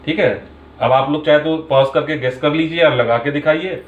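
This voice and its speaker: A man teaching maths, working through a problem step by step with a patient manner. His voice sits a little high. The room around him rings with echo. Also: normal speed, narrow, tinny audio. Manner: patient step-by-step explaining, mixing English terms. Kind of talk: Hindi-English maths lesson explaining a paper. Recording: echoey room sound.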